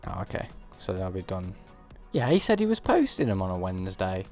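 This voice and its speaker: A man with a low, lively voice co-hosts an unscripted chat, blunt and joking, swearing often. Soft music runs beneath him. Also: brisk. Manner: blunt, swears freely, playful. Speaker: co-host. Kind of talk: casual chat.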